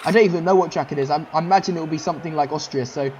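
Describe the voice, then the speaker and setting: A man hosting casual sim-racing commentary, excitable and rambling, with lots of "um" fillers as he runs through results. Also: fairly high pitch, very fast, lo-fi sound, a little hiss or hum. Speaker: race commentator and series host.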